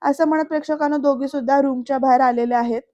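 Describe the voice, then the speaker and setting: Chatty woman recapping a serial in voice-over, high voice, dry close sound. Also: steady tone, fast, dark tone, no echo, dull audio. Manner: chatty, addresses viewers directly. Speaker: serial episode reviewer.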